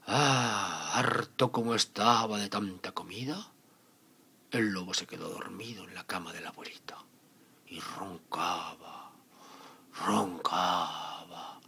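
A man narrating a children's fairy tale in a theatrical way, with dramatic repetitions and pauses. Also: fairly low pitch, gravelly, sharp tone, breathy edge. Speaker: storyteller.

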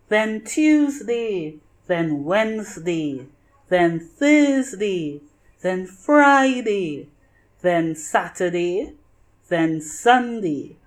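A woman narrating a children's picture book in deliberate, simple phrases meant for young listeners. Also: on the low side, rough recording. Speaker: storybook reader.

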